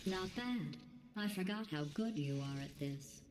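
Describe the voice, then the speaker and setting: A woman voicing a cold, sarcastic female computer that runs a test lab, calm and insulting, with a robotic processed sound. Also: on the low side, unhurried, over music. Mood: deadpan sarcasm. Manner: deadpan, passive-aggressive, insulting in a calm even tone. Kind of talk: video game dialogue. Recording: echoey game audio with steady hum.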